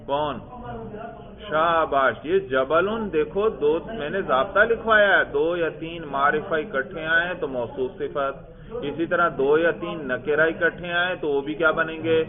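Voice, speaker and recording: A man's voice: fairly high pitch, a crowd in the background. A man teaching a grammar class who questions his students, repeats their answers and praises them. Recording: tinny phone-like classroom recording.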